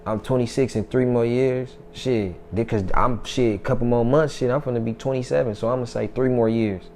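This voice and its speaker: A rapper in his twenties talks loosely and boastfully in a casual interview, swearing plenty. His medium-pitched, slightly mellow voice is steady and fairly quick, with slight background noise.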